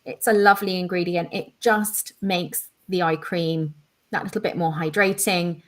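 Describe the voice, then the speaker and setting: An enthusiastic woman co-hosts a live online quiz. She explains each answer at length in relaxed, chatty talk. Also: lowish voice, moderate pace. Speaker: education manager co-hosting a live quiz. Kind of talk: casual live-stream chat.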